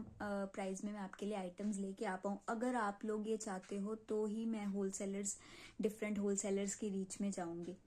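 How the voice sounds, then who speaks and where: A young woman from Punjab, India, who sells clay in her videos, chats casually and informally to subscribers in Hindi mixed with English, with a North Indian accent and phrases repeated for emphasis. Her mid-range voice is mellow, and the audio is poor.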